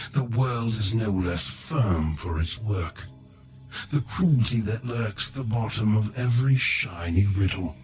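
A man voicing a hulking undead giant who calls himself death, speaking in slow, grave, menacing pronouncements. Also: on the low side.

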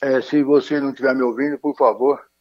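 A man's voice: medium pitch, steady tone, quick pace, darkish tone, no room sound. A man speaking formally as a radio guest over a choppy phone line that keeps breaking up, with frequent hesitations. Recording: muffled dry phone call.

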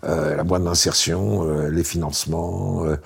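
Very deep-voiced man in his sixties. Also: a little slow, gravelly, husky. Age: 60s. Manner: relaxed, wry, anecdotal with frequent fillers. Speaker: interview guest, founder. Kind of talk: casual storytelling interview.

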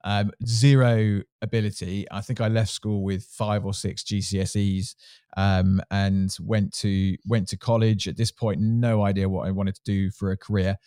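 Low-voiced Home Counties man, candid and casual. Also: level tone, moderate pace, dark tone, smooth, no echo, studio quality. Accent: southern English, Home Counties. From Surrey, England. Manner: candid, self-deprecating. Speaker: interview guest, sports marketing executive. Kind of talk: casual interview talk.

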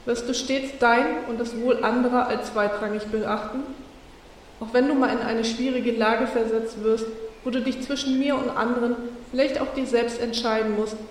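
A woman voicing a wise, solemn female sea serpent spirit who speaks in a measured, ceremonious way. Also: a little high, fairly even intonation, heavy reverb, long reverb tail, recorded from a distance, slight background noise, natural voice.

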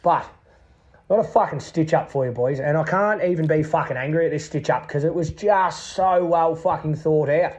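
An Australian man tells a casual yarn in a voice message to a show. He is blokey, swears constantly and leans on heavy slang, in a voice pitched a little higher than most men's. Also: moderate pace, darkish tone, muffled recording. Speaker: listener leaving a voice message. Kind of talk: casual anecdote.

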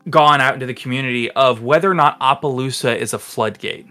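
A young man hosting a casual podcast, reading a list of goofy names aloud and breaking into laughter. His voice sits at an ordinary middle pitch, and faint music plays underneath. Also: fast, bright, forceful tone, no room sound. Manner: reads silly patron names, laughing through them. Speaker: podcast host.

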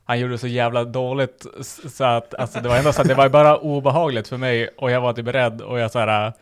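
A man's voice: mid-range voice, steady tone, clear, resonant tone. A young man chatting casually on a podcast, telling a gym story with lots of swearing and acted-out quotes.

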